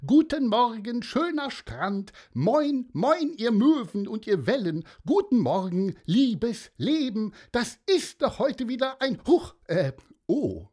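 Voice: sing-song, takes it slowly, hardly any pauses, dark tone. The narrator of a children's story playing a cheerful, exuberant man who sleeps on the beach, in a raised voice. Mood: jolly. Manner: exuberant, booming greetings. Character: cheerful male hiker in pyjamas.

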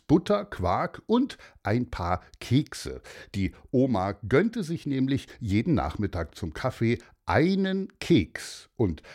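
Erzähler: Mann, liest Kindergeschichten, gemütlich und langsam, lebhafte Melodie. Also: male voice, lowish voice. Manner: warm, chatty, addresses children directly. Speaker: storyteller. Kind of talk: children's story narration.

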